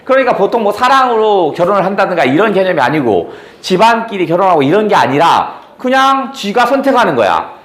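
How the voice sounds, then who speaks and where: Animated high-voiced male teacher, echoey room. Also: brisk, hardly any pauses. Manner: lively storytelling, keeps asking rhetorical questions; casual, blunt speech with slang. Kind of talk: lecture on classical prose.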